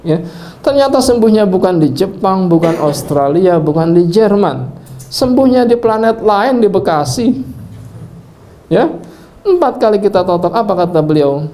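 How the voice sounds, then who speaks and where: A male preacher and healing trainer telling animated stories to a live training audience, addressing listeners directly and often breaking into devout exclamations. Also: high voice, normal speed, a little hiss or hum. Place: indoor training session with an audience.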